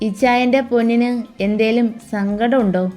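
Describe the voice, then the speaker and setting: A doting young husband who teases and coaxes his bride, as a woman storyteller voices him. The voice sits a little high and mellow, with soft music faint behind it. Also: fairly even intonation, moderate pace, lightly acted. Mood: teasing, fond. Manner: playful, coaxing endearments. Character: affectionate teasing young husband.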